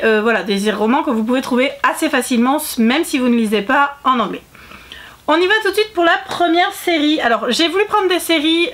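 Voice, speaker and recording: A woman book vlogger with a slightly high, fairly bright voice chats casually to the camera. She is talkative and full of fillers, often restarting and correcting herself.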